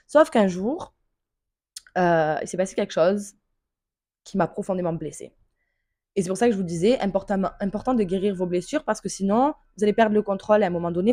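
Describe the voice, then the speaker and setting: A woman's voice: mid-range voice, mellow. A young woman talking candidly and emotionally in a personal vlog, informal and blunt, with slang and the odd swear word. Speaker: vlogger.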